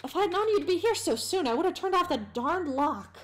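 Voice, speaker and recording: A woman's voice: very high voice, lively intonation, brisk, voice pushed up. A woman voicing a friendly, flustered young inventor while reading game dialogue aloud, in an apologetic, upbeat and chatty manner.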